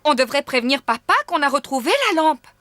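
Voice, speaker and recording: A woman doing gentle Maman Pig. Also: high-pitched, quick pace, lightly acted. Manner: gentle, patient, sensible. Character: calm, kindly mother pig. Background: children's cartoon music.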